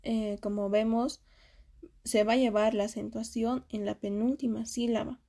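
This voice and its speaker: A woman presents a lesson in a careful, explanatory way, often stopping on small hesitations before going on. Her voice sits a little high but has a dark, mellow colour. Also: level tone, normal speed. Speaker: student giving a class presentation.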